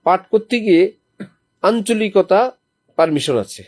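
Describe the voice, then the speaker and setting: A man's voice: sits high, expressive, measured pace, darkish tone, no room sound. A man preaching a sermon to a small gathering, reciting verses as examples and putting questions to his listeners. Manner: teaching with recited Quranic examples. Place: lodging during a visit to a holy city.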